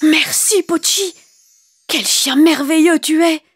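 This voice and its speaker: A kind, generous old man from a fairy tale, as a woman reading aloud puts him on, speaking gently in a slightly raised voice. The voice is a little husky, with faint music behind it. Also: fairly high pitch, lively intonation, normal speed, voice pushed up. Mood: delighted.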